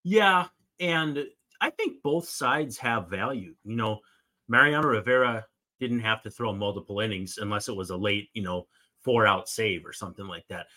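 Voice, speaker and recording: A man's voice: fairly low pitch, moderate pace, sharp tone. A man giving casual, discursive sports analysis with emphatic points. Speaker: baseball analyst and podcast co-host.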